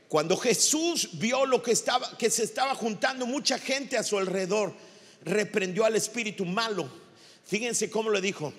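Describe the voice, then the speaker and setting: This is a passionate sermon from a male pastor whose accent is Mexican Spanish and whose very high, bright voice occasionally climbs to shouting. Each phrase is followed by the long reverb of a church hall.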